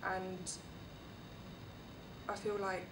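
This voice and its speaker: A woman speaking hesitantly and softly in an interview. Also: mid-range voice, monotone, very slow. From London, England. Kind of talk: documentary interview. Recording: echoey room, distant mic, noisy.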